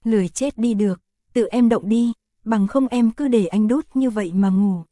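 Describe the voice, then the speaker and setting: A woman's voice: a little high, moderate pace, mellow, no echo, studio quality, natural voice. A woman voicing an adult man who teases and coaxes his partner in an audio story. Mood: teasing. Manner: teasing, coaxing. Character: adult man, teasing and coaxing.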